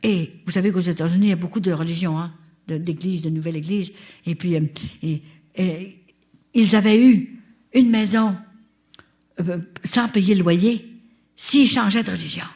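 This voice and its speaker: An older woman with a Canadian French accent, telling a testimony at a religious retreat in an animated way and turning often to her listeners. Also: fairly low pitch, normal speed, pauses often. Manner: animated, talks straight to the audience. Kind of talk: testimony storytelling.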